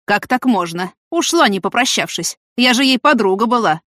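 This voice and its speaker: A woman's voice: fairly high pitch, lively intonation, normal speed, fairly bright tone, dry recording, studio quality, pitched above the performer's own voice. A woman voicing an indignant, suspicious female farm worker who complains a lot.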